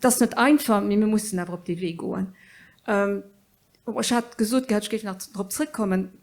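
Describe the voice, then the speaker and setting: A middle-aged woman debating on a political panel. She talks in a steady mid-range voice, earnest and a little halting, with plenty of fillers as she searches for words. Her tone stays serious and engaged. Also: mid-range voice. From Luxembourg.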